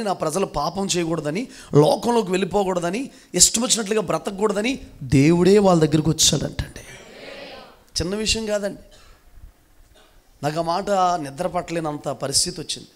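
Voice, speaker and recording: High-voiced fervent Telugu pastor. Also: male voice, animated, brisk. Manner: fervent, calls for loud hallelujahs, often addresses congregation as beloved. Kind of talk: sermon. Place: church.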